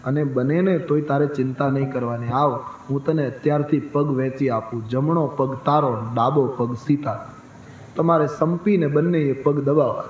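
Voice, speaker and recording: A man voicing a gentle prince who soothes and reassures his devoted younger brother in a storytelling sermon. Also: medium pitch, normal speed, a little hiss or hum, close to an everyday voice. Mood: reassuring. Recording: echoey, dull.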